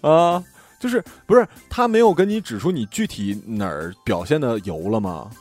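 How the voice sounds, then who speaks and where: A man co-hosting a casual chat podcast, talking in an animated, blunt, teasing way and often laughing. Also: medium pitch, moderate pace, soft background music. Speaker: podcast co-host.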